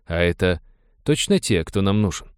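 A man's voice: on the low side, brisk, clean tone, no echo, studio quality, lightly acted. A man voicing a cautious male pilot who asks doubtful questions.

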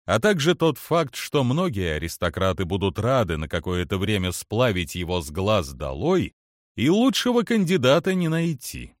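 A man narrating an audiobook with expressive, lively storytelling. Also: sits low, no room sound, clean studio sound. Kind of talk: scripted narration.

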